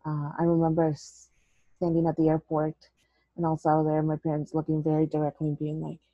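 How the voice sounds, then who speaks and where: A woman's voice: sits low, monotone, a little fast, no echo, dull audio. A woman, a guest telling her story earnestly in an interview, dropping in words. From El Salvador. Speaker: guest, educator. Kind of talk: interview conversation.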